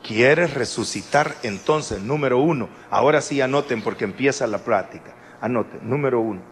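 A man preaching a sermon in an animated way, with chatty asides to the congregation. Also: mid-range voice, a little fast, a little hiss or hum.

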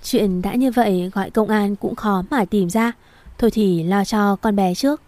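A woman's voice: mid-range voice, normal speed, darkish tone, dry recording, close to an everyday voice. A woman voicing a stunned, hesitant middle-aged father in an audio novel. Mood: subdued.

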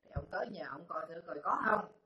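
High-voiced monk telling parables. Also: male voice, animated, brisk. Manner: folksy, repetitive, hesitant with fillers. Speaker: Buddhist monk teacher. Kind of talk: storytelling dharma talk. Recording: roomy, dull lo-fi recording.

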